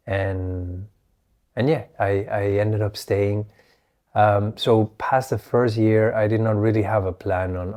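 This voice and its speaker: Reflective man, low dark voice. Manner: reflective, rambling with many restarts. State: recovering voice, slightly hoarse. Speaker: podcast host. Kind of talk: solo podcast monologue.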